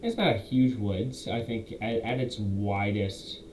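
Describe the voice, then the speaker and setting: A man's voice: fairly low pitch, fairly even intonation, a little mellow. Rambling young man in an echoey room. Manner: rambling, self-correcting, quotes players in quick asides. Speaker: game master recapping a campaign. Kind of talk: casual recap monologue. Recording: roomy echo, faint background hiss.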